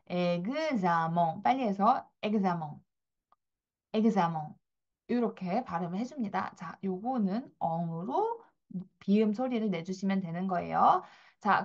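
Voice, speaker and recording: A woman teaching French pronunciation to Korean learners at a steady, calm pace. She explains each sound patiently and says every example word twice so the listener can repeat after her. The recording is slightly dull and lo-fi. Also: mid-range voice. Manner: patient, repeats words slowly for practice. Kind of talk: pronunciation lesson.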